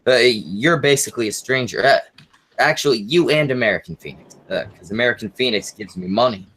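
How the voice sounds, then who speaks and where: A man hosting a casual livestream chat, talking haltingly and swearing often. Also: medium pitch, animated, a bit bright, husky. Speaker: livestream host. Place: online group voice call.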